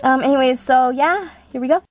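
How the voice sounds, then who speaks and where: A woman's voice: sits high, brisk. A woman with newly fitted braces, chatting casually and breezily as an amateur voice actor, rambling to camera.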